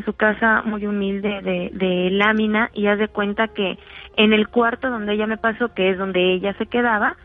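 A woman with a Mexican accent tells a long personal story as a caller on a radio show. She wanders and fills her pauses, and her voice comes through a dull, muffled radio broadcast. Soft music plays faintly behind her. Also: mid-range voice. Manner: meandering, many fillers.

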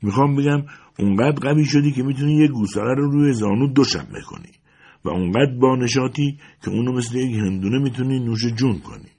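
A man's voice: medium pitch, dark tone, breathy edge, voice pushed up. A man reading the part of an awkward, hearty rancher husband in a story. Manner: fumbling, hearty.

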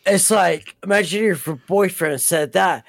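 A man's voice: high voice, normal speed, vocal fry, no echo. A man co-hosting a casual chat about a TV episode, rambling, restarting his sentences and swearing now and then. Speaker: podcast co-host.

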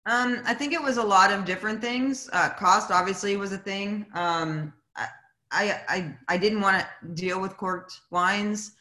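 Lively woman winemaker on a video call. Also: medium pitch, unhurried, roomy sound, rough recording. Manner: animated, acts out quoted voices. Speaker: winemaker guest. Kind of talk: casual storytelling chat.

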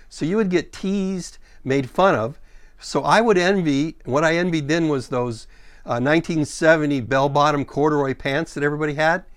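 A middle-aged male pastor delivering an expository sermon at a medium pitch. He reads scripture in a slow, deliberate way and then explains it in a plain teaching tone. The recording is dry, with little room sound. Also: no room sound. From born in Sudan, raised in Ethiopia and America.

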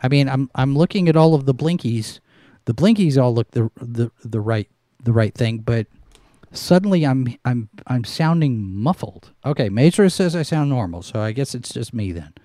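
A man's voice: medium pitch, animated, moderate pace, warm tone, no room sound, clean studio sound. A middle-aged man hosting a casual livestream, rambling and restarting his sentences as he talks to viewers and reads their comments. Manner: rambling, with frequent restarts and fillers. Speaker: livestream host. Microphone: headset microphone with headphones.

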